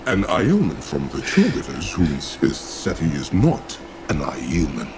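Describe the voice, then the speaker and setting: Deep-voiced, musing fantasy scholar. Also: male voice, wildly swooping pitch, unhurried, a little mellow, a little hiss or hum, full character voice. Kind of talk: fantasy series dialogue.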